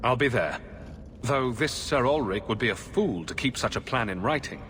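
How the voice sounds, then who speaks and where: A man's voice: mid-range voice, lively intonation, moderate pace, a bit bright, a little hiss or hum, natural voice. A man playing a wry, self-assured adventurer in a video game, with a dry, sarcastic delivery.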